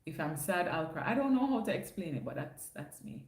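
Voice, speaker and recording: Her pitch sits low but swings widely, and she talks a little fast. She's a woman with a Jamaican accent running a casual livestream, fielding viewer questions and dropping into patois, heard with a roomy echo.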